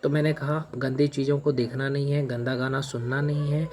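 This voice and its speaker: A man's voice: medium pitch, level tone, brisk, darkish tone, a little hiss or hum. A man hosting an advice video, talking straight to the viewer in an emphatic, repetitive way and calling him brother. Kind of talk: direct-to-camera advice talk.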